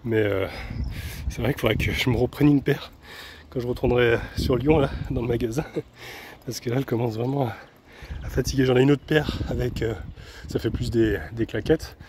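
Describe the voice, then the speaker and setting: A man from France talks through his day outdoors for a travel vlog, his mid-range voice easy and chatty. He hesitates with small fillers and soft laughs as he holds the camera. Faint birds and open-air ambience sit quietly behind him. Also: mid-range voice, steady tone, normal speed, slight background noise. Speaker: travel vlogger. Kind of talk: casual vlog narration. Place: outdoors, walking around a van and an old town.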